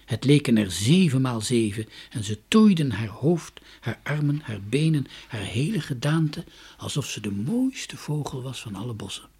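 A man reads a children's story aloud in a very breathy, husky voice. His delivery is expressive and lively, dipping to soft whispers for tense moments. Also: mid-range voice, normal speed.

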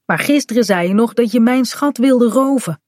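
A woman voicing a lively, bold little pirate girl in a children's storybook, eager and bright. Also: on the high side, moderate pace, dry recording, clean studio sound, pitched above the performer's own voice, close to an everyday voice. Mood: excited.

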